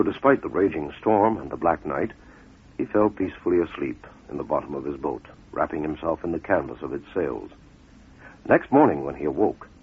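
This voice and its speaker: A man with a low, breathy-edged voice narrates a fable as a scripted dramatic storyteller, using measured, deliberate phrases and pausing for effect. The radio recording is muffled.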